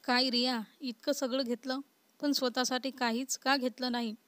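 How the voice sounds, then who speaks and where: Woman reading a hot-headed young guy in an audio love story, flat even voice, dry close sound. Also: high-pitched, moderate pace, no echo. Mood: calm. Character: young man, a short-tempered protective boss.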